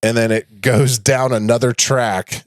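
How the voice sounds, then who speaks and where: A man in casual podcast chat, telling a story with animated energy and acting out his own quoted lines. His pitch sits in the middle range. The sound is dry, with no room echo. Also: unhurried. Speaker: podcast co-host.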